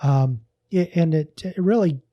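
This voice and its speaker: A man's voice: on the high side, a little slow, dry recording, dull audio. A man hosting a podcast, signing off in a casual, rambling way with many fillers and restarts. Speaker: podcast host.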